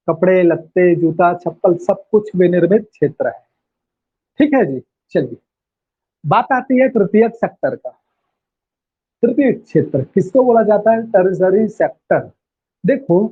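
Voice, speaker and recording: Male teacher, high husky voice, drills points with repeated questions, tinny phone-like audio. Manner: repeats key phrases and quizzes students with questions. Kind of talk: online class lecture.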